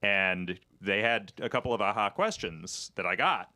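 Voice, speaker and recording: A middle-aged man hosts a casual band interview, his fairly low voice bright and ringing. He rambles into wry jokes and anecdotes, with a lively, up-and-down delivery that keeps the chat loose. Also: normal speed. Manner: chatty, rambling, wry joking. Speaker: radio session host.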